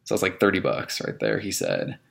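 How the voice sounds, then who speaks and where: A young man in his twenties with a low, gravelly voice tells a story from his dorm room. He is casual and animated, and he keeps slipping into amused quoted lines. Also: brisk. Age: 20s. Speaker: vlogger.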